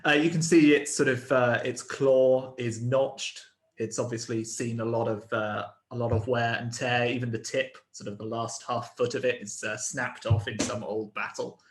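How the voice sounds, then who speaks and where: Male game master, halting descriptive narration, mid-pitched, reverberant room sound. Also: flat delivery, a little hiss or hum. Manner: hesitant, many fillers and "sort of".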